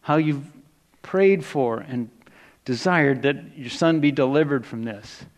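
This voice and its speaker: A man preaching a sermon in a conversational, reflective way, dropping softer for quoted words. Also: medium pitch, slow pace.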